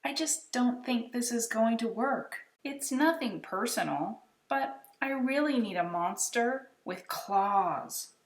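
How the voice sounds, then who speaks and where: A woman voicing a picky young boy in a storybook, earnest and a little higher than her own voice. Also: expressive, takes it slowly, hardly any pauses, roomy sound, far from the mic. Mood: apologetic.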